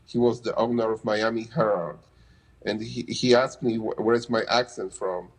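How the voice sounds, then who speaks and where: A middle-aged Polish anesthesia provider answers interview questions casually, in a Polish accent, often restarting phrases and adding "you know." His fairly low voice is fairly even in intonation, moderately paced, and breathy, on a rough recording.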